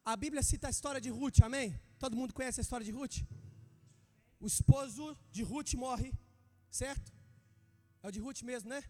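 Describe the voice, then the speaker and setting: A man in his thirties with a Brazilian Portuguese accent delivers a sermon in a very high, ringing voice. He is fervent and calls out to the congregation, climbing into shouts. A long church-hall reverb trails each phrase. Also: moderate pace, long pauses. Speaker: preacher.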